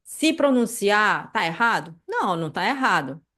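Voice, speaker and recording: A woman teaching a casual live online class, chatty and animated, checking in with listeners often. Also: mid-range voice, normal speed. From Brazil. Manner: chatty, many fillers like "né" and "tá", animated asides. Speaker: Japanese language teacher.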